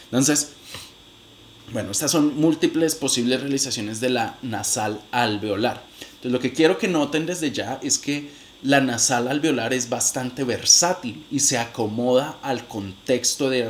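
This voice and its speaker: Male lecturer, unhurried, halting delivery, sounds out examples himself, light background noise. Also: mid-range voice. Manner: demonstrates sounds, hesitant restarts, addresses viewers directly. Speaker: phonetics teacher. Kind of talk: recorded lecture.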